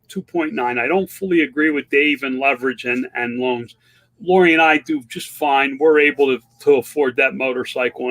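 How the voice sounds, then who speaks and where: Reading out viewer comments during a casual livestream chat, this online seller and host is a man in his fifties who sounds older. He is candid and rambling, with many restarts and fillers. His voice is a little high and fairly bright.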